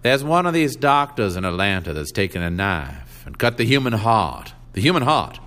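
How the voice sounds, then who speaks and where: A man's voice: on the low side, sing-song, normal speed, a bit bright. A man voicing a shrewd, brooding one-armed young drifter with a firm, nasal voice.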